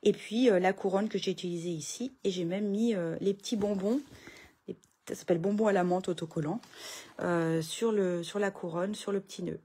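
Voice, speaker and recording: A woman's voice: mid-range voice, steady tone, moderate pace, warm tone, slightly rough. A middle-aged woman, chatting casually through a papercraft tutorial from her home craft room, full of fillers and restarts.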